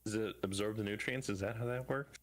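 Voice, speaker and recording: A man's voice: lowish voice, steady tone, fairly quick. A man chatting casually on a game stream, ad-libbing replies to the dialogue.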